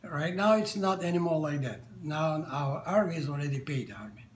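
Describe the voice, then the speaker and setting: A man in his seventies with a Bulgarian accent, whose first language is Bulgarian, answers interview questions in a halting way, with many fillers and restarts, from a living room sofa. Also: fairly high pitch, lively intonation, slight background noise. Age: 70s. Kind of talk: casual interview. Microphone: camera at medium distance. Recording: echoey room.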